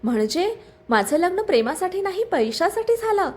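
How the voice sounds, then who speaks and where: A woman's voice: sits high, very animated, normal speed. A woman voicing a hurt young bride who speaks with a trembling, bitter, tearful voice. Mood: anguished.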